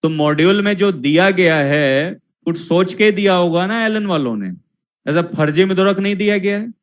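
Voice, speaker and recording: Young guy teacher, high voice, nagging and lecturing the class over and over. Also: normal speed. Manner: scolding, repetitive, lecturing students.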